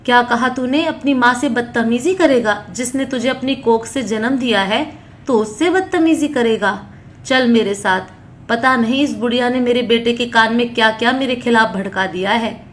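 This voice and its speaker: A cruel daughter-in-law in a spoken moral story scolds in a sharp, fairly high voice, as a woman narrator puts her on. Her temper runs hot throughout. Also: moderate pace, slight background noise, close to an everyday voice. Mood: furious.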